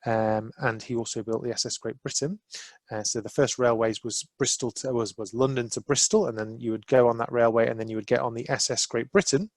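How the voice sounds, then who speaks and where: Man presenting over a video call, mid-pitch, dry close sound, upbeat with many fillers. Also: dry recording. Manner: enthusiastic, many "uh" and "um" fillers, talks over slides. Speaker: university representative. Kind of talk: promotional presentation in a webinar. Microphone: video call microphone.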